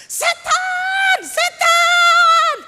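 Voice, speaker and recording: A woman's voice: very high voice, level tone, very slow, noisy background, pitched above the performer's own voice, heavily acted. A woman pastor voicing terrified primitive tribesmen who shriek and beg in panic. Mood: panicked. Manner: frantic shrieking cries. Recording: echoey church hall.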